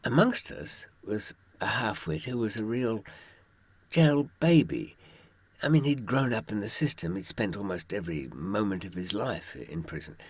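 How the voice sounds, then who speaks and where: Speaking informally from his own experience, a male author shares stories and prison survival advice, adding dry, wry humour and side remarks to whoever is listening. He has a lowish, husky, expressive voice at a moderate pace, recorded with no room sound.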